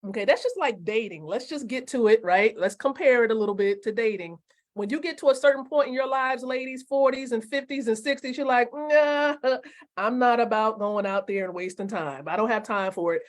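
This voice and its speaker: Emphatic woman coach in her forties. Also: fairly high pitch. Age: 40s. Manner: emphatic, repeats key phrases slowly, asks the audience questions. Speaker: network marketing coach. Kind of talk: live-streamed motivational teaching.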